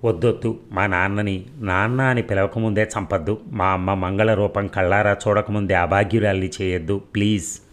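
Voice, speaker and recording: A man's voice: fairly low pitch, fairly even intonation, moderate pace, natural voice. Young woman, pleading and emotional, voiced by a male reader.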